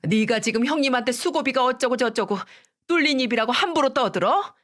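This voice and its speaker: A woman's voice: high voice, fairly quick, fairly bright tone, voice pushed up. A woman voicing a stern elderly mother-in-law who scolds sharply. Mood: angry.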